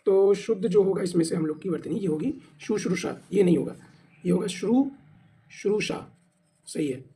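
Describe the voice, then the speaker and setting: A man's voice: high voice, a little fast, mellow, slight background noise. A man teaching an exam practice class, asking questions and answering them himself, sometimes spelling words out letter by letter. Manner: explains by asking and answering his own questions. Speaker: Hindi teacher.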